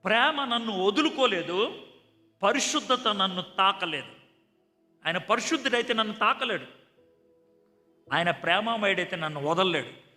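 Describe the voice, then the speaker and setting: A male preacher with a high, bright voice delivers a storytelling sermon and acts out the conversations in it. His voice rings through a large echoey hall, and soft music plays underneath. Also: normal speed, long pauses. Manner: animated, acts out dialogue in a conversational tone.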